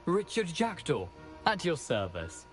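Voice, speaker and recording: Richard Jackdaw, genteel ghost. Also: male voice, on the high side, wildly swooping pitch, a little slow, faint music behind. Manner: genteel, chatty and wry. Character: ghost of a beheaded, mischievous gentleman. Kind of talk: video game voice acting.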